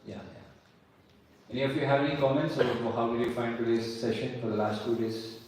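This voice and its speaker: A man lectures on history and archaeology and takes audience questions, explaining patiently and repeating key points in a medium-pitched, slightly mellow voice at a moderate pace. The sound is echoey, as in a hall, with the mic far away and faint ambience.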